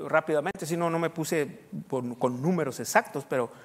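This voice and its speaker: A middle-aged male pastor preaching a sermon in a church hall, his voice high and its echo trailing long after each phrase. He speaks emphatically, pushing up in pitch and volume as he counts off his points. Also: normal speed. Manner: emphatic, rising to loud peaks when listing points.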